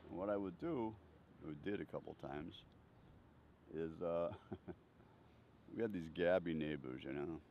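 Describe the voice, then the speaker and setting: Gravelly deep-voiced older man. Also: unhurried, long pauses. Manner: chuckling, rambling anecdotes with frequent laughs. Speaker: interviewee. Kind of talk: casual life-story storytelling. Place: outdoors on a bench. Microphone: handheld furry-windscreen mic held near chest. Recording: slightly dull sound, faint outdoor noise.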